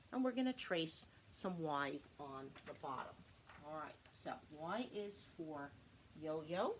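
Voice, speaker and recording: A woman's voice: on the low side, bright, forceful tone, a little hiss or hum. A middle-aged woman leading a young children's lesson like a kids show host, asking simple questions and answering them herself. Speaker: preschool teacher. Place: living room at home.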